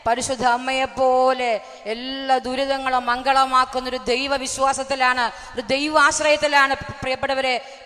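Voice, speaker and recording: A woman preaches with fervour, often raising her voice and asking the listeners questions. Her tone is bright and forceful. The sound carries a long reverb from a large hall. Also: high voice. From Kerala, India. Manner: fervent, often raises her voice and asks the crowd questions. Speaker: lay preacher. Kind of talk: sermon at a retreat. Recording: echoey hall recording.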